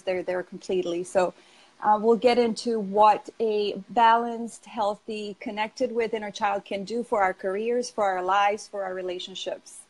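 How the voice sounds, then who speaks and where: A woman in her thirties from Romania, speaking with a Romanian accent as a coaching guest on a video call, explaining ideas slowly and thoughtfully with small laughs. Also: mid-range voice, a little mellow, rough recording. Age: 30s. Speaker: emotional health coach, guest. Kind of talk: casual interview talk.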